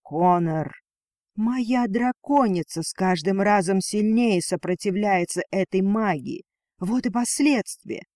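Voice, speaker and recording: Narrator doing a domineering dragon lord, slow contemptuous lines, dry sound. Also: male voice, high voice, darkish tone, no room sound. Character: cold cruel male dragon lord, domineering.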